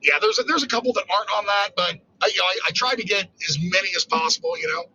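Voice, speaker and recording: A man chatting casually as a guest from his car, laid-back and quick to laugh. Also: high-pitched, sing-song, bright, forceful tone, slightly rough, poor audio. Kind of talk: casual chat.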